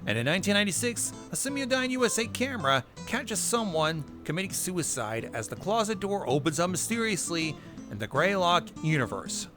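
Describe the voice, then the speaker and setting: Pitched high and very animated, this man talks fairly quickly as he hosts a narrated recap of a horror web series. Wry comments and casual cursing pepper his delivery over background music.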